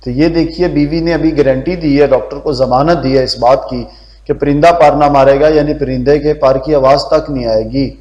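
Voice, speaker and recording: A man's voice: mid-range voice, fairly even intonation, a little mellow. A male Urdu teacher in a recorded lesson, who explains word meanings and asks and answers his own questions. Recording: roomy dull lo-fi recording.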